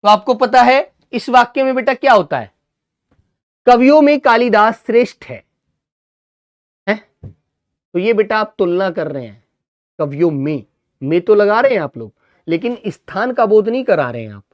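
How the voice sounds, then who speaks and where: A man's voice: high voice, expressive, moderate pace, long pauses. A man teaching Hindi grammar in an online exam-prep class, who asks his students questions, answers them himself, and calls them son and brother.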